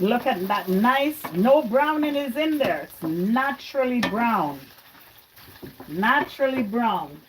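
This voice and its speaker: Over sizzling and stirring, a woman originally from Jamaica talks casually with her livestream audience as she cooks at home. She speaks at a fairly high pitch, and the rough recording carries a faint hiss or hum.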